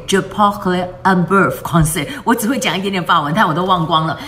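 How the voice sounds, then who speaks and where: A woman with a somewhat low voice explaining English vocabulary from news stories. She spells words letter by letter and poses questions to her listeners before answering them. She moves freely between Mandarin and English mid-sentence. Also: a little hiss or hum. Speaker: English teacher. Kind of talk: news-based vocabulary lesson.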